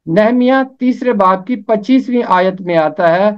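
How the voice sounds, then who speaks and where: A man teaching a pronunciation lesson, slowly spelling out vowel marks and repeating each name. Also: high voice, clear, resonant tone. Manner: slow, careful spelling out of diacritics and repeated names. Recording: dull lo-fi recording.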